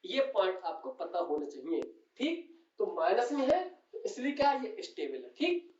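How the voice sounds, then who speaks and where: A man with a fairly high voice teaches physics and patiently puts questions to his students, then answers them himself. He sounds distant from the mic, in a roomy space, with a dull, muffled tone. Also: sing-song, normal speed, a little mellow, slight background noise. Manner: calls students "beta", asks and answers his own questions. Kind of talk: explaining on a whiteboard.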